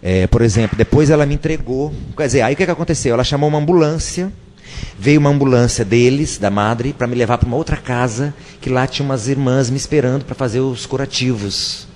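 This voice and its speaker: A man telling a personal story in an emotional, halting way, often repeating himself. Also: mid-range voice, darkish tone, big-room sound, a little hiss or hum. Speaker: guest telling his story.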